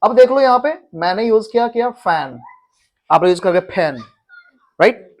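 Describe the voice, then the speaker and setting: A man's voice: high voice, lively intonation, moderate pace. Man teaching pronunciation. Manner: repeats words and quizzes students. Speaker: English teacher. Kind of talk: classroom lesson.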